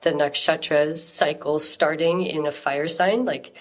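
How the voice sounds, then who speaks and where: A woman co-hosting a podcast, slightly congested, explaining things in a halting, thoughtful way. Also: sits low, fairly even intonation. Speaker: podcast co-host. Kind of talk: casual podcast chat.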